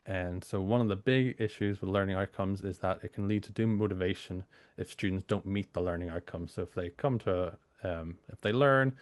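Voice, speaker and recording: A British university lecturer, a man a bit hoarse from a cold, giving an informal training talk full of fillers. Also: low-pitched, no room sound. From United Kingdom. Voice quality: gravelly.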